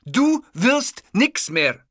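A raging, vain male comedian who shrieks his insults in a cracking, very high voice and spits out curses. The voice jumps wildly up and down, bright and loud, recorded completely dry in an audiobook. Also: sing-song, takes it slowly, husky, no echo, heavily acted. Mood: furious ranting. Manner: screaming insults, cursing. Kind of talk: audiobook reading.

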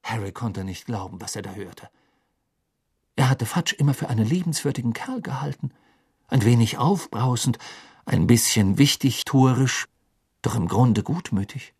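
Gravelly male audiobook narrator. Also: mid-range voice, animated, normal speed, a little mellow. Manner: voices every character. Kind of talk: scripted narration.

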